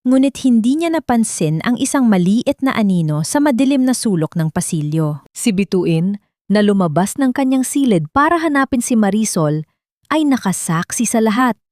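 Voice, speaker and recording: Reading a scripted tale as a dramatic audiobook narrator, a woman with a Filipino accent uses a fairly high, sing-song voice with a somewhat dark tone. The pace is moderate, and the studio-quality recording has no room sound.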